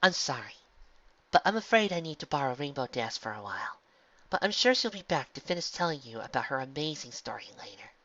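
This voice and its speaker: A man voicing a gentle, regal female princess and mentor who speaks softly and in a hushed, apologetic way, on a dull lo-fi recording. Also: medium pitch, sing-song, brisk.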